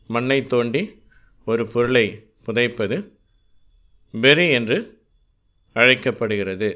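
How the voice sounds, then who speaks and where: A man with a Tamil accent teaching English phonics, spelling out sounds slowly and deliberately one at a time. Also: mid-range voice, fairly bright tone, highs cut off. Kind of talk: slow, step-by-step teaching.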